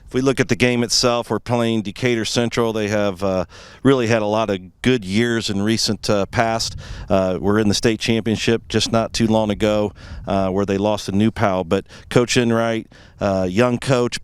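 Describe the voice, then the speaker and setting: A man's voice: on the low side, fairly even intonation, moderate pace, clean tone. An American man hosting a pregame sports show and interviewing as a broadcaster at a football stadium.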